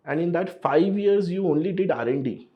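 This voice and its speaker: A man's voice: on the high side, lively intonation, moderate pace, dull audio. A man with an Indian accent hosts a conversational interview, introducing topics and putting questions to his guest. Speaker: podcast host, interviewer.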